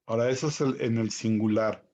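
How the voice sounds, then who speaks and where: A man teaching a recorded Greek vocabulary lesson, spelling out each pronunciation slowly and carefully. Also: medium pitch, steady tone, darkish tone, highs cut off.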